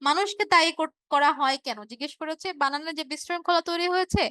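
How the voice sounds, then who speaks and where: Bright high-voiced woman teaching online. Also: quick pace, no echo. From Bangladesh. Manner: explains patiently, repeats key words, checks on students. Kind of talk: online revision class.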